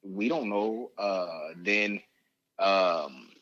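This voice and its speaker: A man's voice: low-pitched, drawn-out words, a bit bright, dull audio. A middle-aged man chatting casually in an interview, rambling and hesitant, often repeating himself. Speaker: father of a recruited athlete, interviewee.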